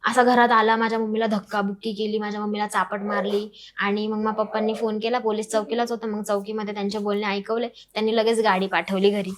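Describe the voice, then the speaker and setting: A woman's voice: medium pitch, level tone, a crowd in the background. A young woman tells her life story as an interview guest, acting out the voices of her family. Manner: fast, emotional, acts out quoted family members. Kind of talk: emotional personal storytelling.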